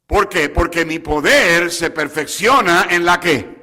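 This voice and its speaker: A man's voice: fairly high pitch, measured pace, pushed and bright, husky. A man preaching a sermon as a pastor to his congregation, asking them questions and slipping English words into his talk. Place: church sanctuary. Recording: long hall reverb.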